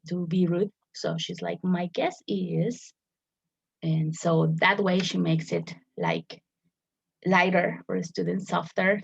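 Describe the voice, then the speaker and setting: Woman, teacher, step-by-step explanation, repeats words mid-sentence, raspy, muffled recording. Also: on the low side. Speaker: English teacher. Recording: dull lo-fi recording.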